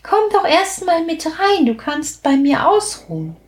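A woman voicing a small, cheerful girl witch who is proud and eager, speaking high and bubbly in a children's storybook. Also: sing-song, a little slow, a little hiss or hum, heavily acted. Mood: friendly.

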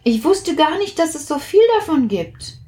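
A woman's voice: high-pitched, very animated, normal speed, a little mellow, voice pushed up. A woman voicing a curious young male water drop full of wonder and questions in a storybook.

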